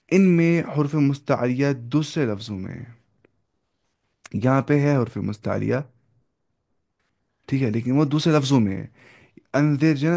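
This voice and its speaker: A man teaching Quran recitation in a relaxed classroom lesson, with a medium-pitched voice. He explains each rule conversationally and drops in English terms. He keeps asking "okay?" and slows down sharply to model each recited example. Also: gravelly. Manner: explains in conversational Urdu, often checks understanding with "okay?"; mixes in English words.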